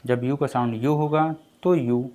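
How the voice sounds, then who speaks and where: A man's voice: mid-range voice, fairly even intonation, measured pace, warm tone. A young man teaching pronunciation rules in a patient lesson, repeating each rule several times. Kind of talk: slow explanatory lesson.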